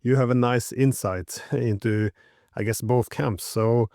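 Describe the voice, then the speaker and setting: A man hosting an interview, asking his question hesitantly with many pauses. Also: mid-range voice, steady tone, darkish tone, dry recording, studio quality. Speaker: host.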